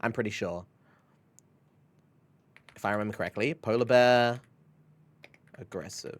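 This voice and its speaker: A man's voice: fairly low pitch, measured pace. Laid-back young man streaming, rambling chat. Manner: rambling, laughing, swearing, frequent "like" and "bro". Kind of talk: casual live-stream chat.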